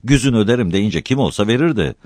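A man playing a loud, coaxing village landlord. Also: fairly low pitch, animated, fast talker, dry recording, clean studio sound, pitched above the performer's own voice, lightly acted. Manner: loud, coaxing, calls people "ula".

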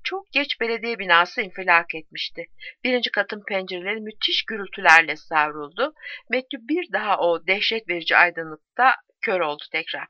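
A woman narrating a war story in a grave, measured reading voice. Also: mid-range voice, animated, no room sound. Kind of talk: audiobook narration. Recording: dry dull audiobook recording.

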